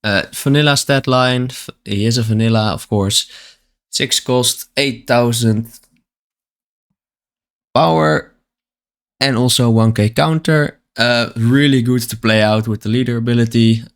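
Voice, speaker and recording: A man talks through a card game deck one card at a time, reading each card's text aloud and then explaining it in plain words. He has the hiccups. His pitch sits in the middle range for a man. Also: steady tone, unhurried, smooth. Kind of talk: casual card-by-card deck walkthrough.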